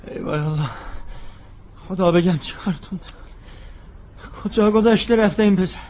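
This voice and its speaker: Worried middle-aged uncle, played by an actor, high-pitched, agitated and complaining. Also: male voice, close to an everyday voice. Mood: distraught. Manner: agitated, complaining, calls out loudly. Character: anxious exasperated uncle, weary from travel. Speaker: uncle searching for the children.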